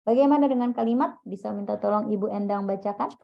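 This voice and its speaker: Woman, teacher, classroom lecture, quizzes listeners, middle pitch, dull lo-fi sound. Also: fast talker, creaky. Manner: explains step by step, quizzing listeners.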